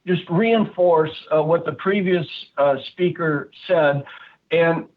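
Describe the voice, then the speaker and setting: A man's voice: on the high side, takes it slowly. A man giving an earnest public comment at a board meeting over a phone line, hesitant, with frequent fillers and restarts. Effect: speaking over a phone line.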